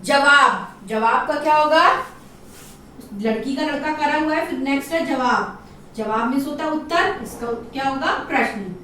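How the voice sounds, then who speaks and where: A woman teacher leading a primary-school class, asking questions and drawing out each answer slowly for the children to repeat. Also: high voice, pushed and bright, heavy reverb, distant mic, slight background noise. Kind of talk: online class lesson.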